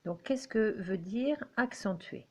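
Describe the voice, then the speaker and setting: A woman's voice: medium pitch, animated, muffled recording. A woman whose first language is French, teaching beginners at a whiteboard, patient and checking in often with her class. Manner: slow, patient, checks in with "d'accord?". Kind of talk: explaining at a whiteboard. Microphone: handheld camera.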